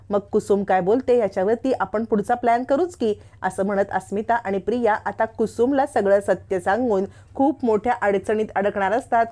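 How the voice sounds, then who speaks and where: A woman's voice: medium pitch, mellow. A woman narrating a television serial's plot as a dramatic story recap.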